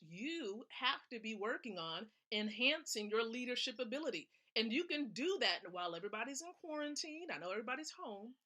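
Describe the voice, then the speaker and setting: A woman hosting a nightly live stream from home, energetic and encouraging, laughing often as she talks to viewers. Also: on the high side. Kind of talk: upbeat live-stream talk.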